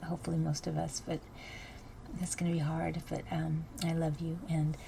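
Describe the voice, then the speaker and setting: An older woman hosting with a casual, meandering monologue, pausing and hesitating as she goes. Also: deep voice, completely flat delivery, gravelly, dark tone. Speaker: host. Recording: background noise and ambience.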